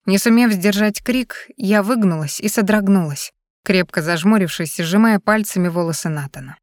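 A woman narrating an erotic novel in the first person, with an unhurried, intimate reading. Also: medium pitch, no echo, studio quality. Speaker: audiobook narrator.

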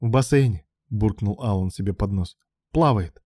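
A man voicing a sullen, hot-tempered young man who answers in short, gruff bursts. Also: lowish voice, moderate pace, dark tone, dry recording, studio quality, close to an everyday voice. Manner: gruff, curt.

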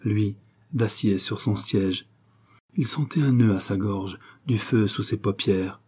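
Low, husky male audiobook narrator. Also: measured pace, dark tone. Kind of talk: scripted literary narration.

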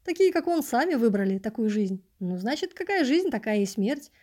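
A squeamish, self-important scholar lectures with open contempt, as a woman puts him on for an audiobook. His voice rises with scorn, over a mellow, soft tone. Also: on the high side, big pitch swings, moderate pace. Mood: contemptuous. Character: smug, squeamish middle-aged male scholar. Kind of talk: audiobook reading.

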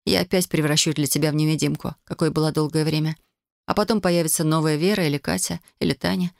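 Guy reading as a nervous wife, voice pushed up higher, soft and shaky, audiobook dialogue, dry close sound. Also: fairly even intonation, creaky, dry recording. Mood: anxious. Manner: soft, halting, tremulous. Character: anxious, hesitant adult woman, the hero's wife.

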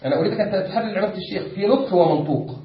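Egyptian male teacher, patient drilling manner, slightly high voice; distant, echoey, muffled recording. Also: racing, slight background noise. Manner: patient, repeats and drills points, quizzes students. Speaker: Islamic law teacher. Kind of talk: classroom lesson explaining a text. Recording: echoey room, distant dull mic.

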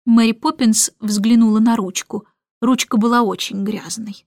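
A woman narrating a children's storybook in an expressive, measured way. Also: fairly high pitch, no room sound, studio quality. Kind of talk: scripted audiobook narration.

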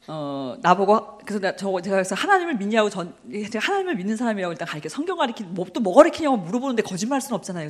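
A middle-aged woman preaching at a Bible study. She keeps asking her listeners questions, answers them herself, and laughs often as she tells stories. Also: mid-range voice. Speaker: missionary preacher.

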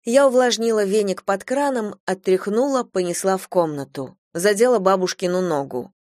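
A woman calmly narrating a storybook in first person. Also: medium pitch, moderate pace, no echo, clean studio sound.

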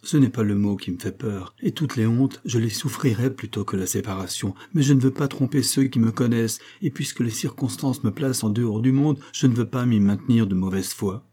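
A man reading aloud voices a young woman who speaks softly but firmly, with pained resolve. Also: mid-range voice, a little fast, few pauses, breathy edge, natural voice. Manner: soft yet firm, pained.

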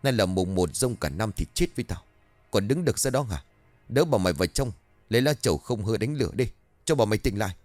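Man doing an old landlord, cruel and cold, barking commands, low voice, lively swings, faint music. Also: quick pace, no room sound, natural voice. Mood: furious.

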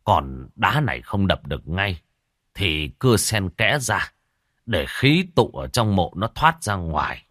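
A man voicing a calm older geomancer who explains grave rites slowly in an audio story. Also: deep voice, no echo, clean studio sound, exaggerated voice. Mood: explaining. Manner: slow, lecturing.

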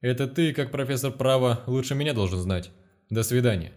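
A man's voice: medium pitch, fairly quick, a little mellow, close to an everyday voice. A stern, commanding male investigator, read by a man narrating the book. He speaks bluntly and with open contempt, close to the reader's own voice. An audiobook character reading. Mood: lecturing.

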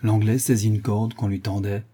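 Husky, mellow male audiobook narrator. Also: on the low side, little pitch movement, moderate pace. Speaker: audiobook reader.

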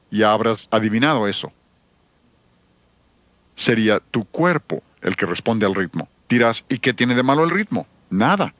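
A man's voice: medium pitch, fairly bright tone, no echo. A man giving an emphatic sermon-style seminar talk on church music, addressing listeners with rhetorical questions.

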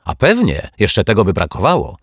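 A man voicing a gruff, blunt cleaning lady in a children's audiobook, scolding and suspicious. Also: fairly low pitch, big pitch swings, moderate pace, no echo, studio quality, voice pushed up, full character voice. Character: gruff grumbling older female cleaning lady.

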